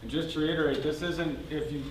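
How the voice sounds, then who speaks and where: A man's voice: on the high side, fairly even intonation, a little fast. A man speaking as a first responder helping teach a class, explaining things casually. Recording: echoey room, distant mic, clear noise.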